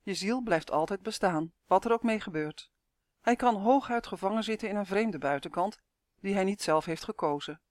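A reader voicing Chance, a calm, wise woman who patiently explains souls, in an audiobook, recorded dry and close. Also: mid-range voice, moderate pace, dry recording, lightly acted. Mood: explaining. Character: calm wise female soul-rescuer explaining. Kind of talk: audiobook character voice.

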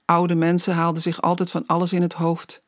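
An audiobook narrator reading a children's story aloud in a slow, measured way. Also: medium pitch, monotone, dry recording, studio quality.

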